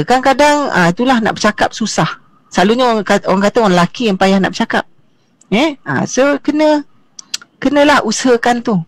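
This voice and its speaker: A woman in her forties from Johor with a Malaysian accent, giving an online seminar talk in a lively way with English asides and rhetorical questions. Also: fairly high pitch, no echo. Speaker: seminar speaker.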